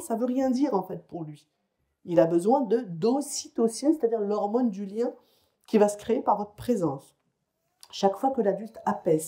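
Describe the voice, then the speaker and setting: Warm-voiced woman lecturing on child development. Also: mid-range voice. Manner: explanatory, conversational, often checking in with the audience. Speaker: psychologist giving a lecture. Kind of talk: conference lecture to parents. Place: lecture hall or conference room.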